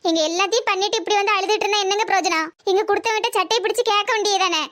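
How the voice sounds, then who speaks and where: A shrill, wailing cartoon wife and mother, middle-aged and scolding in anguish, is voiced by a woman with a Tirunelveli Tamil accent. The comedy delivery races along in a fairly bright tone.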